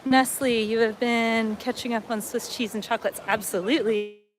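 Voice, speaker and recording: On a casual livestream, a middle-aged travel vlogger from upstate New York, USA, chats and reads viewer comments aloud while walking along a lakeside waterfront. She talks at normal speed in a steady tone, her voice on the high side.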